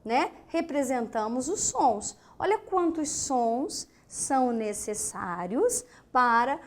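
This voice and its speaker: A woman's voice: sits high, lively intonation. A woman teacher with a Brazilian Portuguese accent, giving a lesson on phonetics, asking her students questions and counting letters aloud. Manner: asks the class questions and counts aloud slowly; sounds out letter sounds in short breathy bursts. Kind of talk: classroom lesson explaining phonetics.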